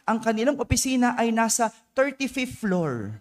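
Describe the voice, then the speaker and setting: A man's voice: very high-pitched, big pitch swings, normal speed, a little mellow. A male priest giving a dawn-mass homily, telling a story and checking in with the congregation by asking them to agree. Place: church.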